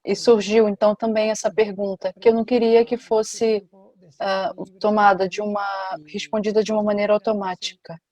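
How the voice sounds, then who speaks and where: Woman interpreting in a mellow voice. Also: mid-range voice, level tone, normal speed, lo-fi sound. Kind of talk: simultaneous interpretation at a panel.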